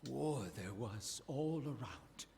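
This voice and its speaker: A man's voice: mid-range voice, expressive, takes it slowly, gravelly, a little mellow, slight background noise. An actor playing a tormented, unhinged man haunted by spirits, with fragmented, menacing speech in a video game. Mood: haunted, anguished. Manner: unhinged, fragmented repetition, slipping into villainous menace. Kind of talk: dramatic video game character acting.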